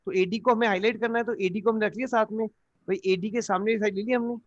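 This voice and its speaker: A math teacher with a voice that sits high and fairly even intonation talks fast while running a live geometry class, coaxing students with repeated questions. The recording is dry, with dull lo-fi online class audio.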